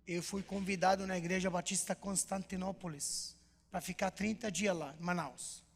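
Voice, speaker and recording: A male pastor telling his testimony to a church, animated storytelling with acted dialogue. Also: high voice, normal speed. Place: church hall. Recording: long reverb of church hall.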